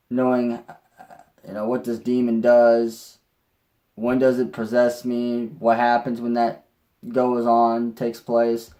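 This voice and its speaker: Slow-talking man with a dark voice. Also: medium pitch. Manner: rambling, with restarts and mild swearing. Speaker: vlogger. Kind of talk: casual personal storytelling.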